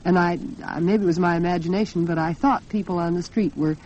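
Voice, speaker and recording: A fast-talking American woman with a low-side, darkish voice hosts a 1940s radio talk program. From the radio studio she speaks conversationally, directly to her listeners, and the 1940s broadcast recording is muffled and noisy.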